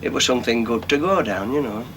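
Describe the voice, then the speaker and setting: A man's voice: medium pitch, quick pace, vocal fry, a bit bright, a little hiss or hum. A man, a coal miner talking plainly for an old documentary, his broad local speech full of little asides. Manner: plain-spoken, broad local speech, nervous before going on. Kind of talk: documentary interview.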